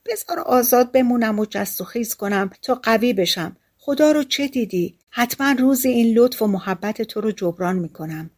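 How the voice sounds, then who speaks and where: A woman's voice: on the high side, lively intonation, few pauses, a little mellow. A woman voicing a young foal in a storybook, pleading to be let go. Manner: pleading, lighthearted.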